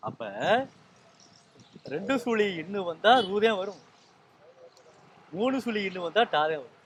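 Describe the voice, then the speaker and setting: High-voiced man teaching spelling rules. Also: animated, measured pace, fairly bright tone, a little hiss or hum. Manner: patient, quizzes listeners with repeated questions. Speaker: Tamil language teacher. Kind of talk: explaining spelling rules to a small group.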